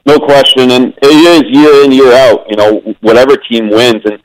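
A man, a former goaltender, giving hockey analysis over a phone line on a radio show, measured, with frequent ums and restarts. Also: medium pitch, fairly even intonation, dry recording.

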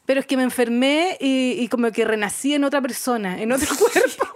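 A woman with a Chilean accent, co-hosting a casual chat, playful and quick to laugh. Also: high-pitched, expressive. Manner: chatty, laughs easily, playful. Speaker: co-host.

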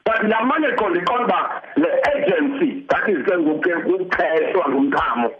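A man's voice: sits high, animated, fairly quick, lo-fi sound. A man in his sixties with a South African Xhosa accent, telling his story conversationally as an interview guest and often checking that his listener follows. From Eastern Cape, South Africa. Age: 60s. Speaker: interview guest, cancer survivor.

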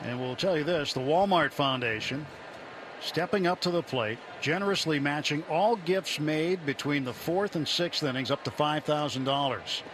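A baseball radio play-by-play announcer with a voice on the high side calls the game live from a broadcast booth, mixing commentary with a booth interview. He speaks in measured short phrases between conversational remarks, and outdoor ballpark noise comes through clearly.

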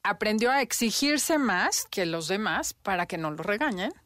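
A woman's voice: mid-range voice, animated, normal speed, fairly bright tone, no echo, clean studio sound. A woman co-hosting a podcast in casual chat, steering the talk with questions. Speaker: podcast co-host.

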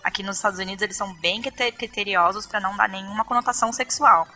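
Lively fast-talking Brazilian woman. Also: medium pitch, faint music behind. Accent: Brazilian Portuguese. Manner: animated storyteller who acts out quoted dialogue. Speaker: guest. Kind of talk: casual podcast chat.

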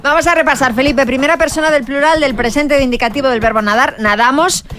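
A woman's voice: high voice, quick pace, a bit bright, faint music behind. A woman from Galicia co-hosting a morning radio show, recapping quiz answers plainly. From Galicia, Spain. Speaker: radio co-host. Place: radio studio.

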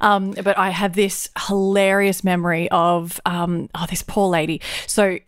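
A woman's voice: on the low side, unhurried, smooth, no room sound. Australian woman in her thirties, chatty storyteller, close dry sound. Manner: lively storyteller, laughs often. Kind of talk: casual chat.

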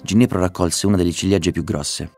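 A man reading a children's story aloud, narrating with a lively delivery and excited voices for the dialogue. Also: low voice, fairly quick, faint music behind.

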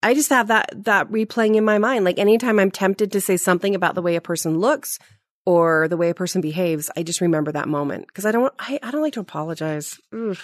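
Lively self-mocking woman, dry sound. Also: mid-range voice, brisk, no room sound. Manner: animated, self-mocking storyteller who laughs at herself. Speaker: guest. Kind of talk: casual faith podcast chat.

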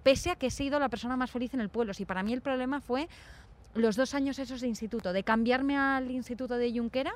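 A woman's voice: high-pitched, fast. A young woman from Spain chatting casually and telling stories, acting out the voices of people she quotes. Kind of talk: casual chat.

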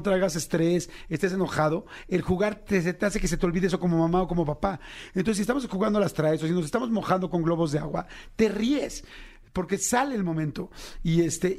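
A Mexican man hosting a podcast, telling stories in a lively, casual way with colloquial slang. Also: high-pitched. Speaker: podcast host. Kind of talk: casual chat.

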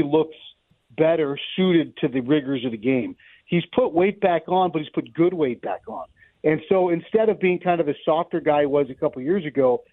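Being interviewed over what sounds like a thin phone line, a baseball announcer with a fairly high-pitched voice talks through his sports analysis conversationally. He's long-winded, repeating words while he works out his thoughts. There's no room sound.

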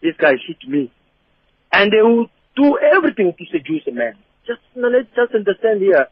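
A man's voice: high voice, sing-song, brisk, breathy edge, no echo. A man from Congo with a Congolese accent, calling a radio phone-in and explaining his opinion insistently, often checking that he is understood. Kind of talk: emphatic opinion on a call-in show. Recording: dull lo-fi phone call on radio.

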